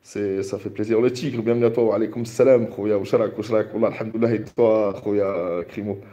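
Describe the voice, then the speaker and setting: A man's voice: lowish voice, steady tone, a little fast, dark tone. A man in his thirties chatting casually on a livestream in an echoing bare room, informally repeating greetings to viewers and mixing in Arabic phrases. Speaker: livestream host. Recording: hallway-like echo, resonant bare room.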